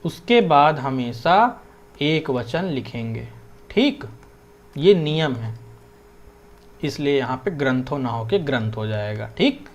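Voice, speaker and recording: A man's voice: medium pitch, expressive, slow, pauses often. A young man explaining Hindi grammar in a casual lesson, often checking in with his listeners and mixing in English words. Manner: conversational, keeps checking in with "theek hai". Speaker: exam prep teacher.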